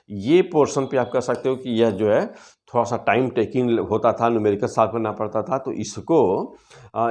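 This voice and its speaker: A middle-aged man teaching physics, going through an exam syllabus in a fond, reassuring way and reading out English topic names slowly. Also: medium pitch. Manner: calls students "beta" constantly, reassuring; reads English syllabus terms slowly and deliberately.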